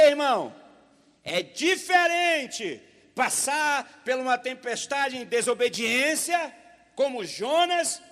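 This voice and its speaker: Male preacher, high voice, folksy storyteller who builds to loud exhortation; church hall with long reverb. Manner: folksy storytelling, often says "meu irmão". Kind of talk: sermon.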